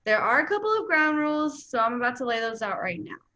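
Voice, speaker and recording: Speaking fast in a fairly high voice, a young woman runs a video-call focus group, and the recording sounds muffled. She lays out rules steadily and works through her questions methodically.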